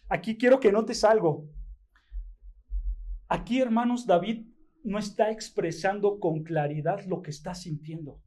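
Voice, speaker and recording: A man's voice: sits high, darkish tone. A man preaching a sermon with a Mexican Spanish accent, emphatic, often asking the congregation a question and answering it himself. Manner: emphatic, asks and answers his own questions; addresses the congregation as brothers. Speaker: pastor.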